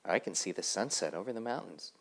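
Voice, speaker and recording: A man voicing a calm, curious grasshopper with a friendly, lifted tone. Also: low voice, fast. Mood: cheerful. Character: calm curious male grasshopper, easygoing wanderer.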